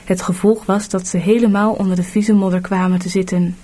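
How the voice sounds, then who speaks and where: Woman narrating a kids storybook, mellow soft tone, measured reading. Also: mid-range voice, little pitch movement. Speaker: audiobook narrator.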